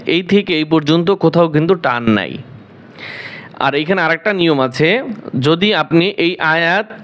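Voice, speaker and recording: A man's voice: fairly high pitch, fairly bright tone. Man teaching Quran recitation. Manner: explains briskly, then recites slowly in a drawn-out chant. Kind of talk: spelling out and chanting verses in a lesson.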